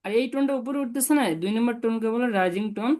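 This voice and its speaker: A woman's voice: on the high side, very fast, warm tone. A woman teaching tones in a one-on-one online lesson over a video call, patiently repeating syllables for her student. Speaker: Chinese language tutor.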